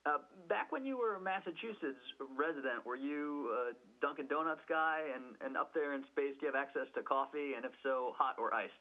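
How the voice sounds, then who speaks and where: A man's voice: on the high side, animated, a little fast, hardly any pauses. A man working as a reporter, asking chatty, courteous interview questions over a phone-like line. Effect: phone or radio line.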